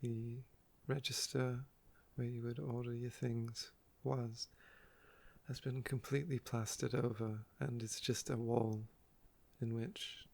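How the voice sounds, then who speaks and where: An ASMR video creator speaks softly in a mid-range voice that carries a lot of creak and a croaky edge. He rambles casually through personal stories, unhurried and slightly wistful, with very little movement in his pitch.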